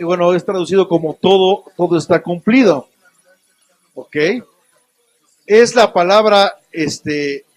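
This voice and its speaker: A man's voice: high voice, dry recording. A man preaching a conversational sermon with a Mexican Spanish accent, often asking his listeners questions. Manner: conversational, asks the congregation questions.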